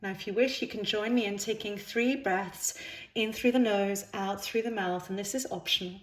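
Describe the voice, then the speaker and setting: A yoga nidra instructor with a mid-pitched voice leads a guided meditation, speaking soothingly in unhurried phrases with pauses between them. The recording is noticeably echoey, like a reverberant room.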